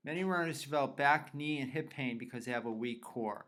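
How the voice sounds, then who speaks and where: A man's voice: medium pitch, a little fast, a bit bright. A man speaking as a fitness trainer, explaining in a plain instructional way and giving directions step by step. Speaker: fitness trainer presenting a tutorial. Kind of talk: instructional explanation of self-tests.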